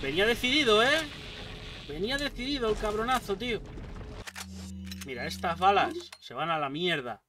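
A young man giving excitable let's play commentary, swearing often and talking back at the enemies on screen. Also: high-pitched, moderate pace, long pauses, far from the mic. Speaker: gaming YouTuber. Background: gunfire and game sounds.

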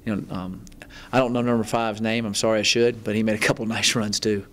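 A middle-aged man, a head football coach, answering reporters at a postgame press conference, halting, with many ums and restarts. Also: on the low side, level tone, a little hiss or hum. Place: press conference room, seated at table. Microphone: table mic in front.

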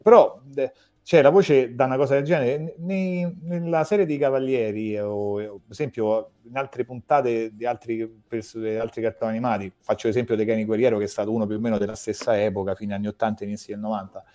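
Chatting with a guest like an eager fan, this male interviewer uses a mellow mid-range voice with a steady tone and a fairly quick pace. His sentences ramble and often restart in this casual interview.

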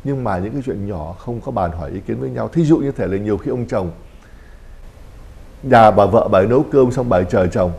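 Priest, man, rapid explanatory talk, dark mellow tone. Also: on the low side, gravelly. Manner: explanatory, acts out little quoted dialogues. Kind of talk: pastoral talk show discussion.

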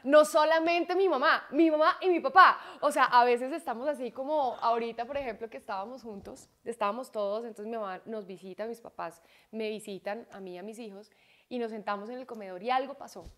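A woman in her thirties talks in a relaxed interview, her voice sitting a little high. She is expressive and quick to laugh, and acts out the voices of people she quotes. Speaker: guest. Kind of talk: casual interview chat.

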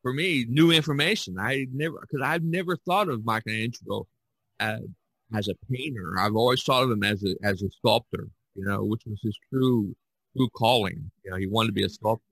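Hosting a casual podcast on art history, a man rambles and often searches for words. His fairly low voice is creaky and husky yet fairly bright, brisk, without echo, in a low-quality recording.

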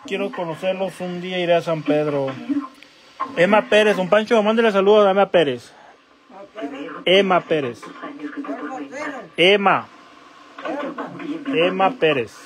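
The host of a casual livestream, a man with a high-sitting voice, speaks at a measured pace and pauses often, offering short coaxing questions and instructions. He is indoors in a small house's kitchen and living room, holding a phone, and the noisy kitchen recording has crowd noise.

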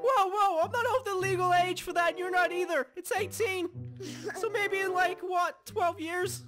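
A man's voice: very high-pitched, steady tone, normal speed. A man voicing a nervous, stammering teenage cartoon boy while chatting in an online game. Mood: uneasy. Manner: stammering, hesitant, easily flustered. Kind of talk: improvised character chat during an online game. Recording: game music behind the voice. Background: game music.

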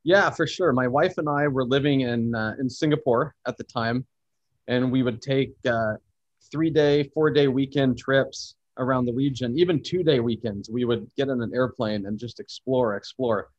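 A man's voice: mid-range voice, normal speed, dry recording. A man recounts his travels in a thoughtful, expansive manner. His voice sits in an ordinary middle register, heard over a muffled, slightly dull line. The sound is dry, with no room around it. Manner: thoughtful, expansive, speaks of cultural experiences warmly. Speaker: podcast guest, traveler and photographer. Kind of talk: reflective storytelling in conversation.

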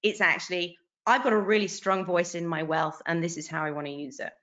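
In a dull, lo-fi video call recorded through a webcam, a woman in her forties speaks from a bright room at home. She's a guest author being interviewed, and her lowish, fairly bright voice moves fairly quickly with fairly even intonation. She talks earnestly and animatedly, often restarting her phrases.

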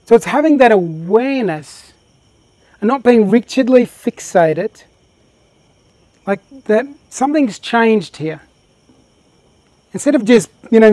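A man's voice: sits high, animated, unhurried, warm tone, no echo. A man giving a live motivational presentation to an audience, talking with passion and energy. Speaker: workshop presenter.

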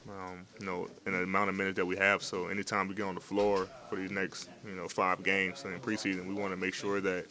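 A man's voice: low voice, completely flat delivery, brisk, hardly any pauses, bright, forceful tone. A young man, a basketball player, answering reporters' questions in a locker room after a game, laid-back and full of fillers. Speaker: basketball player at postgame interview. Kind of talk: postgame press interview. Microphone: several handheld reporter mics.

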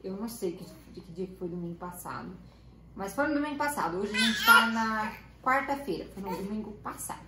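A woman's voice: mid-range voice, animated, fairly quick. A young Brazilian woman telling a personal story to viewers in a chatty way, often correcting herself mid-sentence. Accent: Brazilian Portuguese. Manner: chatty, self-correcting, quotes family in dialogue. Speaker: vlogger. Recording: roomy home video with faint noise.

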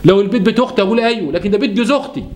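A man's voice: high voice, very fast, darkish tone. A man with an Egyptian accent hosting a show, telling a family story with moral asides and acting out each person. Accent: Egyptian Arabic. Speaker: host. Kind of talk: storytelling monologue on family issues.

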